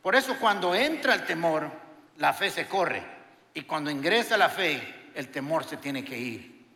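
An older man preaches with a high, forceful voice, weaving lively, humorous stories into his sermon. His words ring through a large hall with a long, echoing reverb. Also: unhurried. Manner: animated storytelling with humorous anecdotes.

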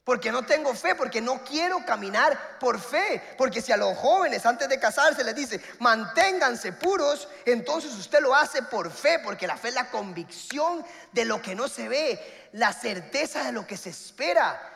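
A man, preaching a sermon and telling a funny personal story with animated, acted-out voices. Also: very high-pitched, unhurried, gravelly, big-room sound.

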